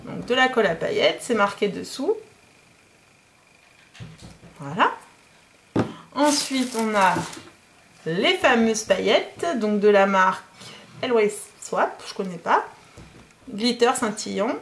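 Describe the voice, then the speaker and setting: A woman's voice: medium pitch, lively intonation, slow, vocal fry, long pauses, a bit bright, slight background noise. A woman in her thirties from France, chatting casually in a DIY unboxing vlog, hesitant with many fillers. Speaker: DIY vlogger.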